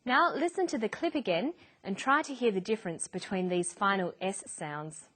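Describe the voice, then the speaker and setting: A woman narrating an English lesson in a clear, deliberate teaching voice. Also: mid-range voice, expressive, a bit bright. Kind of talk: scripted educational narration.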